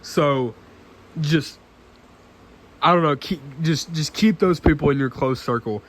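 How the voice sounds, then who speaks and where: A nineteen-year-old man talking casually to camera in an earnest, halting way, full of restarts and fillers, often clearing his throat. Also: fairly high pitch. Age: late teens. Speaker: vlogger.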